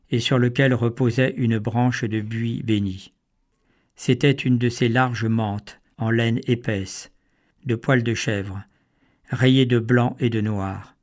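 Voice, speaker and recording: A man reads a story aloud as its narrator, at a mid pitch. His reading is measured and even, in a scripted storybook style.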